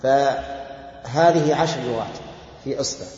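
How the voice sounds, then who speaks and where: A man gives a religious lesson, explaining a poem line by line and slowly repeating each verse so it sticks. His speech sounds dull and lo-fi. It rings in a large reverberant hall. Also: medium pitch, a little mellow. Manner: measured, recites verses slowly and repeats them. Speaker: religious teacher.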